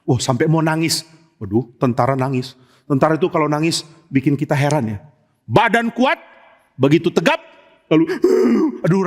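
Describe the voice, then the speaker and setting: A man preaching a sermon as pastor, telling the story in an animated way with character voices. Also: fairly high pitch. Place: church hall. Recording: echoey church hall.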